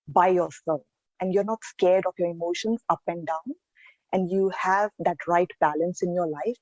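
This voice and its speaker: A woman's voice: fairly low pitch, darkish tone, dry recording. Earnest woman from India, dull lo-fi sound. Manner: earnest, reflective, with pauses and restarts. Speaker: podcast guest. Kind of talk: casual interview answers.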